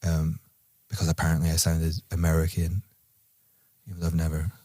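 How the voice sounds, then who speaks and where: A low-pitched man with an Edinburgh Scottish accent talks in a relaxed podcast conversation. His delivery moves between dry, teasing jokes and careful, measured reflection. The sound is close and dry, with no room around it. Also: no room sound. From Scotland. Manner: playful, dry teasing humor; thoughtful, measured when explaining.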